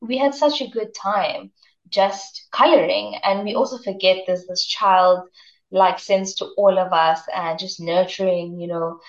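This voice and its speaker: A woman self-care coach, a guest on a radio chat, talking in a gentle, reflective way and often saying "you know". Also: medium pitch, fairly even intonation, measured pace. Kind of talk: casual radio interview chat. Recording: roomy, distant, dull remote line.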